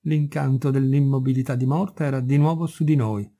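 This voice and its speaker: Gravelly, dark-toned male audiobook narrator. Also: medium pitch, steady tone. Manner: measured, dramatic storytelling. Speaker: audiobook reader.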